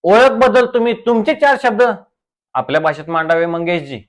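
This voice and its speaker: High-voiced man hosting a mock podcast. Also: animated, a little fast. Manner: mock-formal, announcing questions. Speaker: podcast host. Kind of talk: mock podcast comedy sketch.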